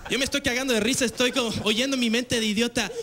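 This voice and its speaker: A man's voice: extremely high pitch, fairly even intonation, fast, noisy background. A young Mexican man with a Mexican accent doing a slangy, casual stand-up comedy set on a TV stage. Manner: loose, slangy, frequent filler tags. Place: TV studio stage with live audience.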